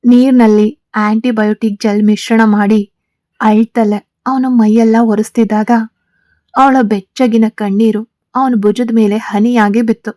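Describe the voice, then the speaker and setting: A woman reads a serialized story in a steady, even way. Her voice is fairly high and mellow. The sound is dry and close. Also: measured pace, no echo.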